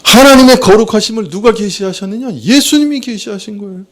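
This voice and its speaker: A man's voice: sits high, fairly quick, fairly bright tone. A man preaching a sermon as pastor, asking rhetorical questions and answering them himself, acting out quoted speech. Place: church.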